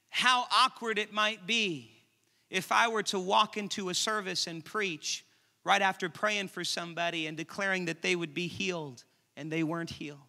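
Man, pastor, impassioned sermon, bright piercing tone, reverberant church hall. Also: high-pitched. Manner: impassioned preaching, building to raised intensity. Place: church sanctuary.

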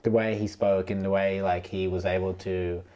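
This casual podcast is hosted by a twentysomething filmmaker whose low, warm voice stays flat at a normal speed. He wanders through his thoughts, leaning heavily on "like" and "you know," and sits close to a studio podcast mic on a boom arm.

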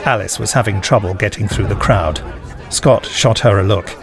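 A man reading scripted fiction in a measured, theatrical way with weighty pauses. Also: fairly low pitch, crowd noise. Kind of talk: dramatic scripted narration.

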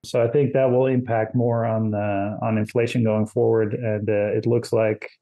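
A man from the Netherlands, a guest in a casual interview, speaking slowly with many "uh" fillers. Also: lowish voice, little pitch movement, narrow, tinny audio.

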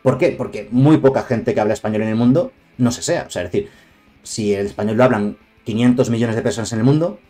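A man's voice: medium pitch, warm tone. Man, castilian spanish accent, casual live-stream chat, rambling and digressive, faint music behind. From Spain. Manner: chatty, digressive, greets viewers. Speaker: streamer reviewing card game cards.

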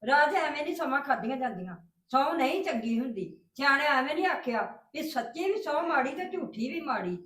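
Actress as a wise, calm mother in a family drama, high voice, roomy sound. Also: brisk, recorded from a distance. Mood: counselling. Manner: calming, counselling.

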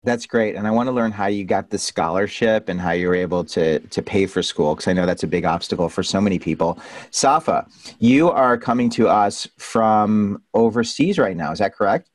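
Upbeat middle-aged male host, low voice. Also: normal speed, no room sound. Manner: enthusiastic, animated greetings. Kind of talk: upbeat video-call interview. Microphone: studio mic on arm.

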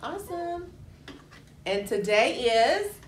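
A woman's voice: sits high, very animated, takes it slowly, a little hiss or hum. A woman teacher co-hosting a school morning news show, reading announcements to students in a friendly, upbeat way. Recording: echoey room.

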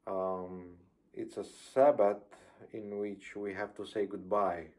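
Speaking through a webcam on a video call, a middle-aged Romanian-accented pastor delivers a sermon from a plain room. His voice is fairly low, level and darkish, his pace slow, and he proceeds carefully and hesitantly, often saying um.

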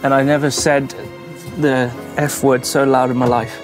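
A man's voice: medium pitch, little pitch movement, moderate pace. A man vlogging casually as he builds out a van, chatty and self-mocking, tired from the work. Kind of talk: casual vlog while building. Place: inside a van under construction. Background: music.

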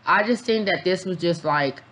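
This mom vlogger, a little tipsy after a beer, rambles through a casual reaction review of a documentary, full of fillers, blunt and swearing freely. Her voice sits on the low side, a bit bright, at a moderate pace.

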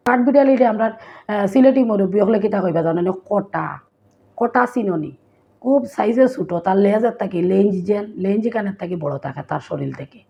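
A woman's voice: mid-range voice, moderate pace, vocal fry. A woman from Sylhet with a Sylheti accent, talking casually to her vlog viewers and often asking them questions. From Sylhet, Bangladesh. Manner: chatty, asks the viewer questions. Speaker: vlogger. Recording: slightly dull lo-fi sound.

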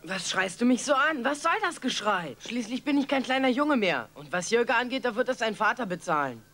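A man's voice: very high-pitched, expressive, fairly quick, pushed and bright, heavily acted. A defiant young son in a dubbed film. He argues back at his parents in a stubborn tone. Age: young adult.

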